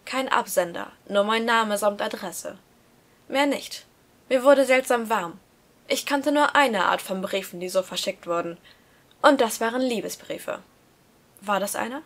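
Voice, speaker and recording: A woman reading a first-person story aloud with lively, emotional narration. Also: mid-range voice. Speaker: reader of a story.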